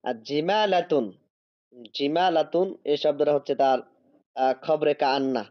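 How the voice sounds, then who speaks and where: Man, teacher, online Arabic grammar lesson, slow drawn-out word reading, fairly high voice, dull dry audio. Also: no room sound. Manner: explains step by step, checks if students follow. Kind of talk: online class lecture.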